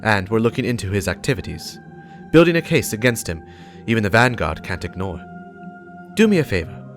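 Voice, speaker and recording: In a dramatic lore reading, a man voices a stern, righteous warlock, speaking gravely and deliberately as he issues emphatic warnings against corruption. His fairly low voice has a sing-song quality and a stern, urgent mood, with soft music playing in the background.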